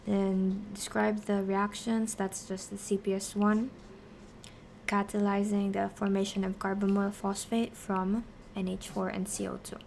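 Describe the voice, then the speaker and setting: Casting: female streamer-tutor, mid-range and fairly even voice, casual self-directed explanations, some background noise. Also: mid-range voice, a little slow, gravelly. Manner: talks to herself while working through answers. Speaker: streamer teaching biochemistry. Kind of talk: casual study-stream explanation, question and answer.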